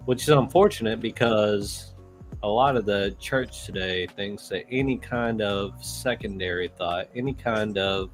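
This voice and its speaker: A man's voice: lowish voice, unhurried, hardly any pauses, faint music behind. A man co-hosting a casual podcast chat, talking loosely and often searching for his words. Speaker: co-host.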